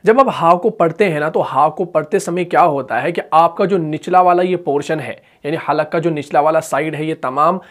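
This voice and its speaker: A man with a fairly high pitch and a Pakistani Urdu accent leads a tajweed class. He slowly elongates the example words and answers his own questions as he teaches Quran recitation.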